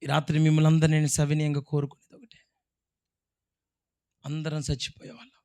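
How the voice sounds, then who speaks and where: A male pastor preaching a dramatic sermon, swinging between hushed and loud. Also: fairly high pitch, monotone, brisk, smooth.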